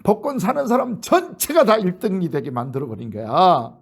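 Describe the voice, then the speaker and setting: A man preaching a sermon in a church, telling a film's story in an animated way and acting out the characters' lines. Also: sits high, moderate pace, gravelly, slightly rough. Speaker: pastor. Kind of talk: sermon, retelling a film.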